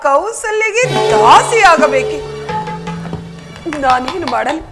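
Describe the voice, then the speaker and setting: A proud royal mother, as a woman plays her declaims her lines in a village stage drama. The voice is very high and carries far, each phrase drawn out with feeling. Stage music plays behind her. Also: very animated, slow pace, full character voice. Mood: pondering. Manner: declamatory, emotional stage delivery. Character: proud, wavering young queen, mother. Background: stage music accompaniment.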